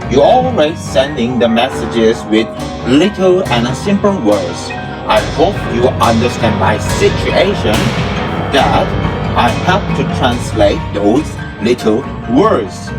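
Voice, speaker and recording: A man with a mid-range voice delivers lines from a scripted amateur audio drama slowly and in a sing-song manner. His English is formal and stilted, with non-native phrasing, and instrumental music plays underneath.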